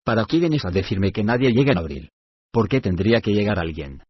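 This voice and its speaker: A man playing a grumpy, half-deaf old male dwarf regent who gruffly mishears everything, in a storybook reading. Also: on the low side, animated, fairly quick, no echo, lo-fi sound. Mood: irritable.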